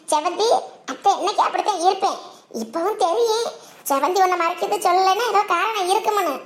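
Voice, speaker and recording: A woman with a very high-pitched, brisk voice plays a scolding village mother-in-law in a cartoon. She uses a southern Tamil Nadu dialect and nags reproachfully. The recording has a roomy echo.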